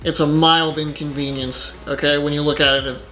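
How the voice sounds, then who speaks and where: A man's voice: a little high, level tone, moderate pace, bright, forceful tone, soft background music. A man doing casual reaction commentary on his channel, rambling and exasperated, with lots of filler words. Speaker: YouTuber.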